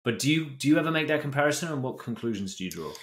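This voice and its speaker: A British man in his thirties hosting a podcast interview over a video call, talking in a lively way. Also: mid-range voice, racing, echoey room. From Britain. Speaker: podcast host. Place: home study. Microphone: desk microphone.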